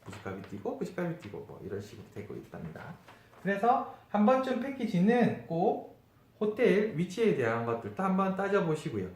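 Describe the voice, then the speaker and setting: A man speaks in a nasal, rather high voice with very animated intonation. He explains informally to viewers, asking rhetorical questions as he teaches. The room around him is noticeably echoey. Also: a little fast. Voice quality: nasal, stuffed-nose voice. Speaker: travel YouTuber and travel agent explaining tours.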